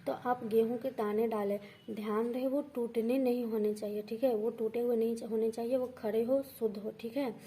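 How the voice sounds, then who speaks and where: A woman's voice: on the high side, dark tone, low-quality recording. A woman teaching a devotional ritual step by step, patiently repeating each point and checking in with her viewers. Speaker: astrology and vastu teacher. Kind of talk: devotional how-to instruction.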